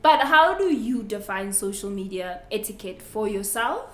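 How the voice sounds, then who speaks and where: A woman's voice: mid-range voice, very animated, normal speed, a little hiss or hum. A woman with a South African accent co-hosting a podcast in a casual, playful style. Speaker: podcast co-host.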